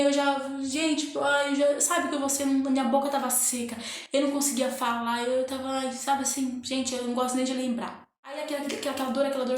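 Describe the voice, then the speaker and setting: A woman telling her birth story casually and emotionally to viewers, repeating phrases and often calling out to them. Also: high voice. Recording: very echoey room.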